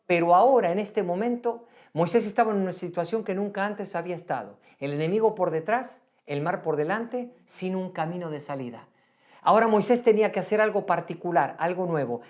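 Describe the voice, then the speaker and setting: A woman's voice: fairly low pitch, fairly quick, darkish tone. Woman preaching an earnest sermon. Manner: earnest preaching with rhetorical questions and repetition.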